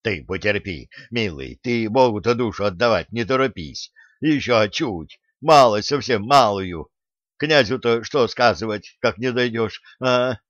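A man voicing a rough bearded warrior in an audiobook, speaking in a gruff, urgent, folksy way. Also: lowish voice, animated, measured pace, fairly bright tone, no room sound, highs cut off.

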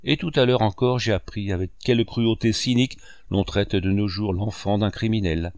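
A man's voice: lowish voice, normal speed, a little mellow, clear, resonant tone, no room sound, clean studio sound, natural voice. A man voicing a proud, bitter young woman in distress, speaking with indignation.

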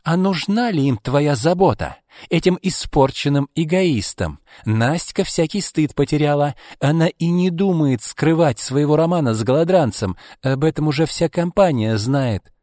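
A male narrator voicing a bitter, resentful middle-aged woman who speaks in a high, strained, scolding voice. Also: huge pitch swings, measured pace, no echo, studio quality, in a large hall. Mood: spiteful.

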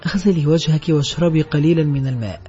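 A man's voice: a little high, quick pace, mellow, faint music behind, natural voice. A man voicing a weary, hunted former convict who mutters in short, guarded words. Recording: dull lo-fi audiobook track.

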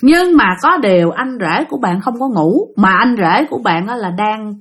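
A woman with a Southern Vietnamese accent telling ghost stories sent in by listeners, casual and animated, talking straight to her audience. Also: mid-range voice, moderate pace, slightly rough. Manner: animated, addresses listeners directly, acts out dialogue. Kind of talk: casual spoken storytelling.

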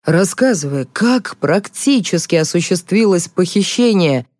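A woman's voice: low voice, a little slow, no room sound, clean studio sound. Woman reading an angry, mocking young man. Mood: demanding. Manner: sharp, demanding, mocking. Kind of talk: audiobook character reading.

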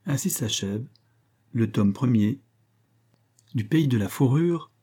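A man narrating a classic novel as an audiobook, reading in a measured way, phrase by phrase. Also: mid-range voice, animated, warm tone, slightly rough. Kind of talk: scripted narration.

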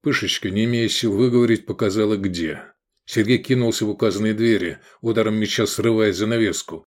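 A man's voice: fairly low pitch, fairly quick. A man narrating an adventure audiobook, voicing every character expressively.

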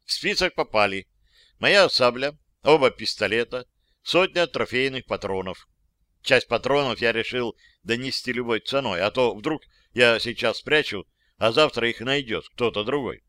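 Bright, crisp male audiobook narrator. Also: mid-range voice, normal speed, no room sound. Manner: wry, weary soldier's narration. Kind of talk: first-person audiobook narration.

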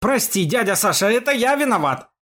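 A man voicing an eager, loyal young driver with quick, excited exclamations. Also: on the high side. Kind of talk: audiobook character voice.

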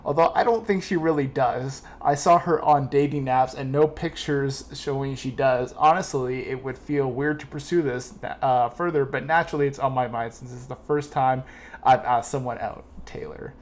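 A man hosts a podcast in a loose, joking chat, reading listener emails aloud between quips. His voice sits at an ordinary middle pitch. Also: moderate pace, darkish tone. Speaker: podcast host. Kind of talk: casual comedic podcast chat.

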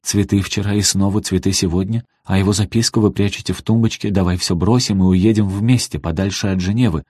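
A man voicing an indignant scolding housekeeper, storybook reading, husky low voice. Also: steady tone, fairly quick, warm tone, dry recording, clean studio sound. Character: angry accusing female housekeeper.

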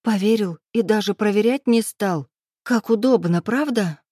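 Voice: mid-range voice, unhurried, no room sound, clean studio sound, natural voice. An audiobook reader voicing a proud, wounded young woman who speaks curtly and bitterly, her voice raised above the reader's own. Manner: curt, bitter, rising to shouts.

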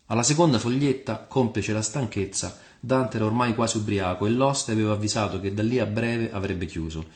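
A man narrating a scripted historical story in a measured storytelling manner. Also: lowish voice. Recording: roomy room with faint music.

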